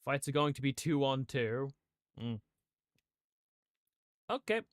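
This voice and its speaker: A man's voice: mid-range voice, big pitch swings, slow, clear, resonant tone, dry recording, studio quality. A young man chatting and joking while he streams a video game with a friend. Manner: joking, teasing banter. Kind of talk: casual chat while gaming.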